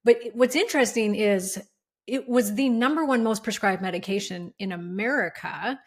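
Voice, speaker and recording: A woman's voice: medium pitch, normal speed. A middle-aged woman, a guest hormone expert, explaining things emphatically in a podcast interview and often asking rhetorical questions.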